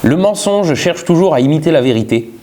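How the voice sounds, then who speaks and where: A man's voice: a little high, lively intonation, a little fast, mellow. A man, a YouTuber, chatting casually and reading viewers' letters aloud, laughing often and stumbling over his words.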